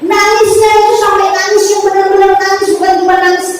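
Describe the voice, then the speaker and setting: High-voiced woman preaching in echoey hall. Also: little pitch movement, fast talker. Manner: emphatic, sing-song preaching with repetition. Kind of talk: sermon. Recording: echoey hall from far off, faint noise.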